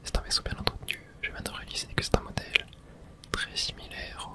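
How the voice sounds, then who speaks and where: In an ASMR video game playthrough, a fast-talking person reads the dialogue aloud in a hushed, unvoiced whisper.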